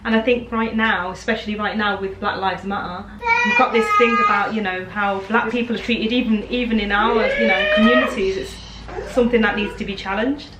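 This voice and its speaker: A woman's voice: medium pitch, fairly even intonation, fairly quick. Middle-aged woman chatting in an echoey room. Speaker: guest, host's mother. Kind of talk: casual chat. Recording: echoey room with clear background noise.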